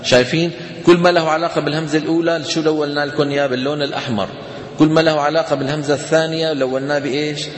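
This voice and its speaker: A male Quran recitation teacher with a Levantine Arabic accent gives a tajweed lesson in an echoey hall. His voice is on the high side and steady, and he talks conversationally, asks students rhetorical questions, and chants Quranic examples slowly.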